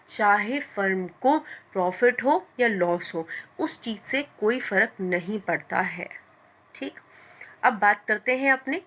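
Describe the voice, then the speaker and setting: A woman teaching a lesson, explaining each point step by step and reading English lines slowly. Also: a little high, pushed and bright. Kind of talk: classroom-style lecture.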